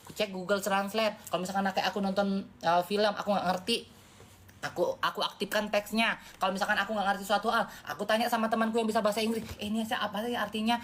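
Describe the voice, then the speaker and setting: A woman's voice: mid-range voice, fairly even intonation, fast, a bit bright, slight background noise. Blunt woman around forty, slangy. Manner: blunt, lecturing viewers in slangy talk. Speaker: livestreamer. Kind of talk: casual live-stream chat. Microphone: phone.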